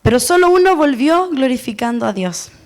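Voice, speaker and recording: A woman with a high voice delivers a sermon. She speaks earnestly and personally, and she keeps saying "we" to include herself with the congregation. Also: animated, normal speed, a little mellow. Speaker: preacher.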